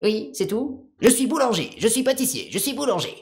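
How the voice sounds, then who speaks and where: A man voicing a fast-talking male alien scientist who rattles off lists in a clipped, rambling way. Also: extremely high pitch, very animated, voice pushed up, full character voice. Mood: rapid.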